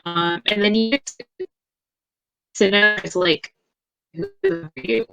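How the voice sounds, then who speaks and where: A woman's voice: mid-range voice, very animated, gravelly, a bit bright, dull audio, faint music behind. A woman narrating as game master over an online call, her audio glitching and warbling. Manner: unhurried, trailing descriptions with fillers.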